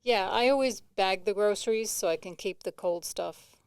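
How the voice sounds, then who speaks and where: A woman's voice: medium pitch, moderate pace, a little mellow, clean tone, dry recording. A woman with a New England accent co-hosting comedic banter in a matter-of-fact, dry way. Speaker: co-host.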